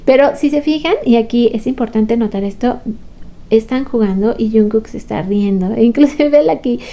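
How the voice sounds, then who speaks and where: A woman's voice: a little high, moderate pace, warm tone. A woman giving a chatty, playful recap of a show, acting out quoted lines as she goes. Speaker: fan recap commentator. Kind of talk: casual recap commentary.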